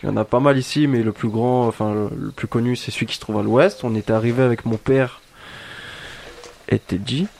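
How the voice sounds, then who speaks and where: Lively, laughing man playing a tabletop game. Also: medium pitch, creaky, a little hiss or hum. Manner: animated, laughing, quick banter. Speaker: player. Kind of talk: casual chat during a tabletop game.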